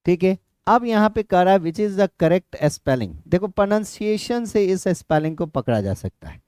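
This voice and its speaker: A man's voice: high voice, sing-song, unhurried, darkish tone, clear, resonant tone, dry recording, studio quality. A male exam-prep teacher with a Bihari Hindi accent explains a lesson to students, repeating points and checking whether they understood.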